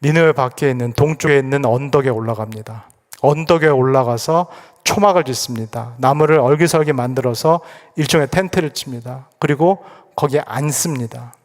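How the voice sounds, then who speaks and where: A man's voice: medium pitch, a little fast. A male pastor preaching a sermon, asking rhetorical questions and repeating phrases for emphasis. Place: church sanctuary. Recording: echoey church hall.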